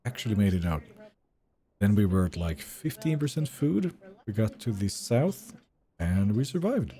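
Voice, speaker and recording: A young man chatting casually through a live gameplay stream, reading out and answering chat messages in a relaxed way. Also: on the low side, normal speed. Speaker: game streamer.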